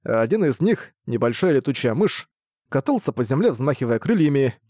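A man narrating a fantasy audiobook with expressive storytelling. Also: mid-range voice, normal speed, dry recording, studio quality.

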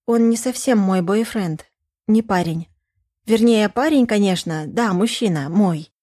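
A woman's voice: mid-range voice, unhurried, warm tone, no echo, clean studio sound, close to an everyday voice. A woman voicing a nervous young divorced woman in an audiobook. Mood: flustered.

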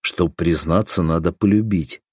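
A man doing a wry deadpan lover. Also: low-pitched, unhurried, breathy edge, no echo, clean studio sound.

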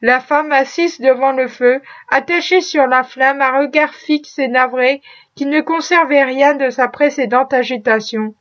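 Brief: female audiobook narrator, high voice, measured and expressive, muffled lo-fi recording. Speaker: audiobook reader. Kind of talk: scripted narration.

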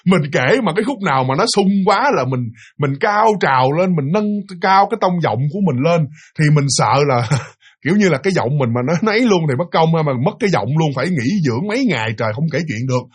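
Hoarse Southern Vietnamese man telling stories. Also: fairly high pitch, lively intonation, a little fast. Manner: chatty, addresses listeners directly, many fillers. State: hoarse from a cold. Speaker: storyteller and channel host. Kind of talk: casual spoken storytelling.

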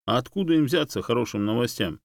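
A man's voice: medium pitch, expressive, fast talker, gravelly, no room sound, clean studio sound, voice pushed up. A man voicing a sarcastic, know-it-all female monkey who teases and mocks her friend. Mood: teasing. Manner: teasing, mocking.

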